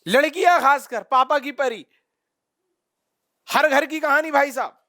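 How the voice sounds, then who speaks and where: A male teacher giving a lecture to students, telling lively stories and questioning the class directly. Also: extremely high pitch, a little slow. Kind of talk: classroom lecture with acted-out anecdotes.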